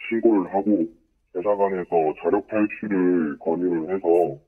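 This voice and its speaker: A phone-in interviewee whose voice is pitched down to hide their identity, speaking in hesitant, broken phrases with many fillers. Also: moderate pace, husky. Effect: voice disguised, pitched down. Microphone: telephone. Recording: muffled phone line.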